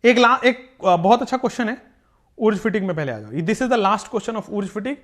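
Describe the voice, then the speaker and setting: A high-pitched man teaches chemistry at a moderate pace in a live online class. Animated and joking, he addresses his students as "beta."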